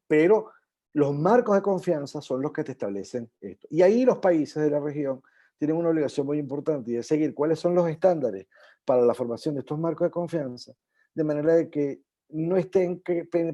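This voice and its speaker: A man's voice: a little high, mellow, highs cut off. A man from Venezuela, speaking as a panelist on an online panel, explaining at length with many restarts and fillers.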